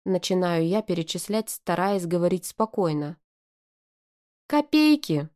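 A woman's voice: fairly low pitch, moderate pace, a little mellow. Woman reading a novel aloud. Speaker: audiobook narrator. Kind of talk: first-person novel narration.

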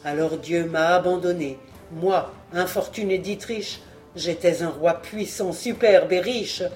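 An audiobook reader voicing a grieving, proud male warrior king who laments loudly. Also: mid-range voice, measured pace, faint music behind, lightly acted. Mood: despairing. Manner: lamenting, emphatic. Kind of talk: audiobook reading.

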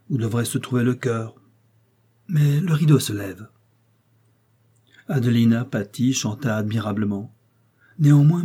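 Male narrator, classic novel audiobook, measured reading, warm dark tone, slightly breathy. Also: medium pitch. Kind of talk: scripted first-person novel narration.

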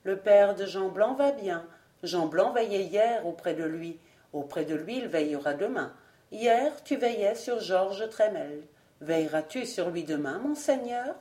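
A woman voicing a strange young albino man who speaks gently and sadly, in a roomy-sounding audiobook. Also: mid-range voice, expressive, unhurried, close to an everyday voice. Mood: melancholy. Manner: gentle, melancholy. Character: young albino man, wild, soft and melancholy.

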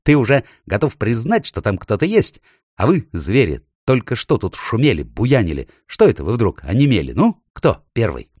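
A man does a scheming storybook ape with a high, mocking, loud voice. His pitch leaps around as he taunts and snaps orders, and the sound is close and dry. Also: big pitch swings, normal speed, breathy edge, dry recording. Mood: sneering. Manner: sneering, taunting, shouting orders. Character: sly scheming male ape, mocking and shrill.

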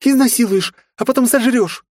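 A man's voice: normal speed, a little mellow, no room sound, studio quality. A man voicing a terrified young woman who shrieks at the demon she fears. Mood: frantic accusing. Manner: shrill panicked shrieking.

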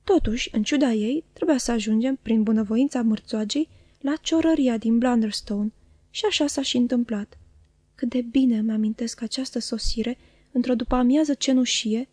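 A woman reading a novel aloud in calm, even storytelling narration. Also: fairly high pitch, breathy edge, no echo. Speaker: audiobook reader.

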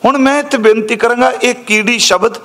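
A man preaching a katha sermon, patiently explaining scripture word by word and repeating key phrases slowly. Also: extremely high pitch, fairly bright tone. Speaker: Sikh preacher giving scripture exposition.

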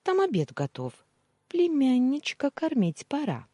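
A woman's voice: high-pitched, huge pitch swings, unhurried, warm tone, no echo, studio quality, pitched above the performer's own voice, heavily acted. A man reading an audiobook voices the narrator's younger sister, a nervous young woman, lifting his voice well up and making it breathless and pleading. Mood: cheerful.

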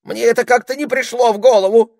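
A man voicing a shrill, pompous male ermine duke in an audiobook, blustering and squealing. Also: steady tone, fairly quick, gravelly, no echo, clean studio sound. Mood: suspicious. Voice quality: piercing squeal, shouting. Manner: theatrical, self-important. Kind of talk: audiobook character voice.

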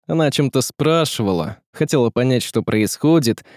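A man reads an audiobook in scripted narration, telling the story expressively and giving each character a voice. He speaks at normal speed with a medium pitch and a darkish tone, and the recording is dry with clean studio sound.

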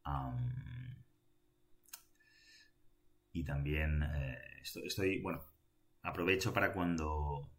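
Deep-voiced man musing. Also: gravelly. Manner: thoughtful, halting, with many fillers. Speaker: vlogger giving reflections. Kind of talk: casual spoken reflection.

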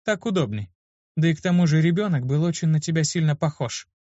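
Brief: a man doing a fiery young woman healer, raised and sharp, in a dull lo-fi recording. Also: on the high side, quick pace, no room sound, voice pushed up, close to an everyday voice. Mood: flustered. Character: young woman healer, hot-tempered, accusing.

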